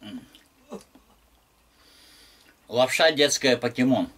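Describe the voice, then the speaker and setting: A young man hosting an eating vlog, chewing while talking and mumbling quietly between bites. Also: mid-range voice, expressive, slow pace. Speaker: mukbang vlogger. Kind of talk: casual eating vlog chat.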